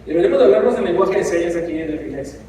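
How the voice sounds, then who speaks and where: High-voiced preaching man in an echoey hall. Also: expressive, very fast, mellow, slight background noise. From Mexico. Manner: impassioned preaching with asides and acted dialogue. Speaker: pastor. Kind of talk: sermon. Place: church. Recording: echoey church hall from a distance.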